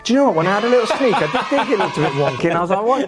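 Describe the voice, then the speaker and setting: A man's voice: high-pitched, sing-song, racing, over loud music. A British man, an actor, talking casually in a laddish, teasing way. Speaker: actor promoting a comedy film. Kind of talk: casual chat.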